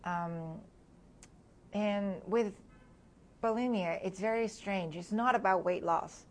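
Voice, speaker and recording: Speaking slowly at a medium pitch, the Hong Kong interviewee in her thirties reflects candidly and laughs softly between thoughts. There's slight background noise.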